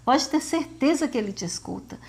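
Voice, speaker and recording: A woman's voice: high-pitched, animated, brisk, creaky. A Brazilian woman telling of her faith as a mother, in an earnest, repetitive way that speaks straight to listeners. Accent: Brazilian Portuguese. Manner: earnest, addresses listeners as "gente", many fillers and repetitions. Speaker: mother giving testimony. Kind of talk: emotional faith testimony.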